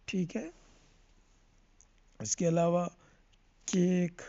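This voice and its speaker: An English phonics teacher speaks in a warm, level, mid-range voice through a muffled recording. The classroom lesson is about letter sounds and is built on asking and answering questions, with many check-ins with the listener.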